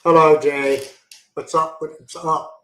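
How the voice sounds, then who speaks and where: This Pennsylvania-born man's voice is on the high side, level and fairly bright, and he takes it slowly in an echoey room. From his home in the Philippines, he hosts a laid-back live-stream chat reading viewer comments, rambling, self-deprecating and quick to laugh.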